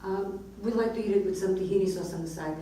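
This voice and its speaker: A woman's voice: mid-range voice, fast talker, mellow. A woman in her forties, a native Russian speaker born in Azerbaijan who grew up in Israel and America, chatting casually as an interview guest. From born in Azerbaijan, grew up in Israel and the United States. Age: 40s. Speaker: guest, restaurant owner. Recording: distant mic in echoey room, faint noise.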